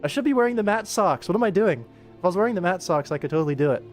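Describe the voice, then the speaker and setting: Talking very fast in a high, animated voice, a young adult man livestreams while animating. He rambles along casually with jokes at his own expense as background music plays.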